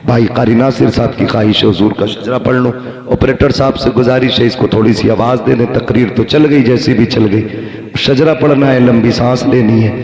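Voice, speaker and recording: A man's voice: medium pitch, fairly even intonation, fairly quick. A male Islamic preacher giving a sermon at a gathering, exhorting the crowd and chanting a genealogy in a raised, sing-song cadence. He says he is tired. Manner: exhorting, urging the crowd to respond loudly. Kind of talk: sermon at an outdoor religious gathering. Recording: echoey public address with crowd.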